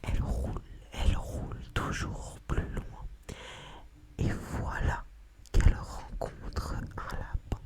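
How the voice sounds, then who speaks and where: A narrator reading a children's tale in a whispered ASMR storytelling style. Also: slow.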